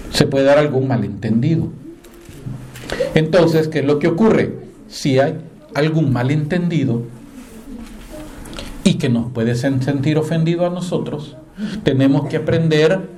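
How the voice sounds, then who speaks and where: A man preaching a sermon in a conversational way, telling stories and moving between hushed and animated delivery. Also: a little high. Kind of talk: sermon with storytelling.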